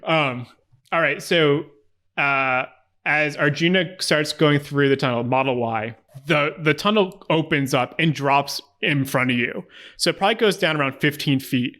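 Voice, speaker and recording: A man with a slightly high voice runs a tabletop game. He describes scenes casually and in detail, pausing and restarting as he looks for the right words. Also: bright, forceful tone. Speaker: game master. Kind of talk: improvised tabletop game narration.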